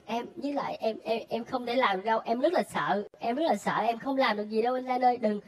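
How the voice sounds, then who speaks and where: A woman voicing a timid, crybaby young boy who is whiny and excitable, in casual game role-play. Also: on the low side, normal speed, close to an everyday voice. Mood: scared.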